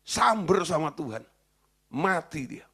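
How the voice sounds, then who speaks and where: Guy pastor, husky gravelly voice, chatty sermon w/ lots of questions to the crowd. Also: on the high side, very animated, a little slow, a bit bright. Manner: asks the congregation rhetorical questions; casual and joking, laughing at his own points. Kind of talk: conversational sermon.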